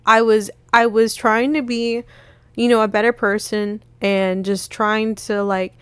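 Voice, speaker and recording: Speaking at a measured pace, she tells a meandering tale on a relaxed podcast she co-hosts, voicing each person's lines. Her pitch sits on the high side and barely moves, and her tone is clear and resonant with no echo.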